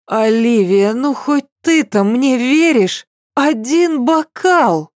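A woman's voice: high-pitched, animated, a little mellow, dry recording, clean studio sound, pitched above the performer's own voice. A woman voicing a tipsy, stubborn young woman who drags out her words and insists indignantly. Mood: tipsy insistent. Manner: drawn-out, slurred, indignant insistence.

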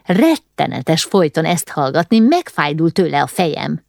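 A woman's voice: sits low, very animated, gravelly, no echo, clean studio sound, heavily acted. A woman voicing a fretful, gossiping middle-aged noblewoman who scolds dramatically, in an audiobook. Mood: indignant.

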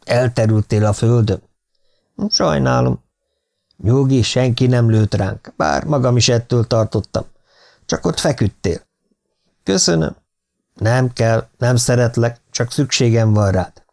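A man's voice: medium pitch, creaky, long pauses, a little mellow, close to an everyday voice. A man reading a blunt middle-aged hunter. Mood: wry, reassuring.

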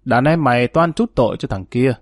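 A man's voice: medium pitch, expressive, fairly quick, no room sound, studio quality, close to an everyday voice. A man reading an audiobook, voicing a tough, menacing male gang leader who talks in harsh threats.

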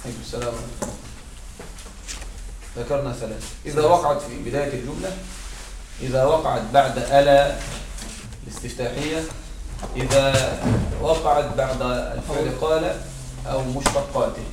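A man's voice: mid-range voice, moderate pace, long pauses. A man teaching an Arabic grammar class, often checking in with his students to make sure they follow. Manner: checks in with students often, greets arrivals mid-lesson. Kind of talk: classroom lesson. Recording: echoey room, distant mic, background noise.

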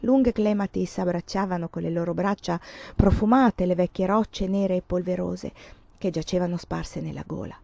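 A woman narrating a nineteenth-century novel as an audiobook, with a measured, expressive reading. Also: on the low side, creaky, dry recording, highs cut off. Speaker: audiobook reader.

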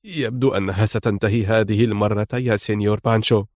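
A man's voice: on the low side, steady tone, fast, a little mellow, no echo, studio quality, close to an everyday voice. A man voicing a tense, resentful male pilot who speaks in a strained, choked way in an audiobook.

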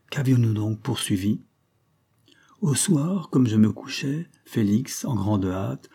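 A man narrating a story in a measured, literary way as an audiobook reader. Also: lowish voice, dark tone, breathy edge.

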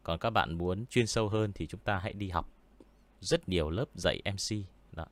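Deep-voiced man in casual chat. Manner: unhurried and explanatory, many hesitant fillers. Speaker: horror story reader and channel host. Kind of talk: casual livestream chat answering viewers. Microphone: studio mic with pop filter.

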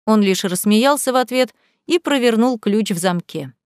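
A woman narrating an audiobook in a measured, even storytelling manner. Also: a little high, clean tone, no room sound, studio quality.

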